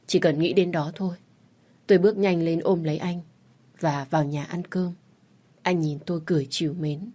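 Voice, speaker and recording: A woman narrating a first-person romance story in scripted form. Her voice is lowish and mellow rather than bright, and her delivery is soft and reflective.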